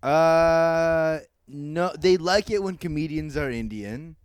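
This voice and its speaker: A man's voice: fairly high pitch, slow pace, clear, resonant tone, no room sound. A young man co-hosting a comedy podcast, joking and laughing often as he chats. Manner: animated, laughs often, dry jokey asides. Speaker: podcast co-host. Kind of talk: casual comedic banter.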